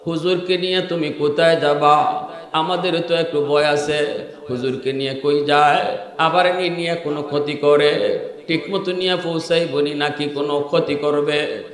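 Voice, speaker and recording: A male preacher with a Sylheti-flavoured Bengali accent, his fairly high voice swinging between easy storytelling and ringing, sung-out peaks. The sound booms through a large hall with a long, rolling echo. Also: fairly even intonation, moderate pace. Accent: Sylheti-influenced Bengali. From Bangladesh. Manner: storytelling, rising into loud chanting peaks. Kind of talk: sermon. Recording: echoey hall with long reverb.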